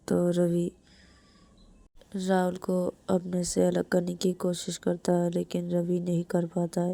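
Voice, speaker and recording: A woman's voice: on the low side, creaky, mellow, dry recording. A woman narrating a romance story in a plain, repetitive retelling.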